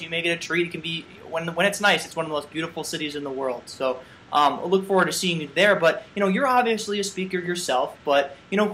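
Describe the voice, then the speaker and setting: Host, young man in his 20s, high voice, quick delivery, casual um and you know, on webcam. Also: pushed and bright, slight background noise, low-quality recording. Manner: brisk, casual with fillers. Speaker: interview host. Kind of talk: video call interview. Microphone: webcam on video call.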